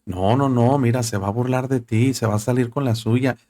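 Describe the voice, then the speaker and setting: A man's voice: medium pitch, fairly even intonation, normal speed, dark tone, lightly acted. A man voicing personified Folly as a spiteful tempter, in an insistent, goading way.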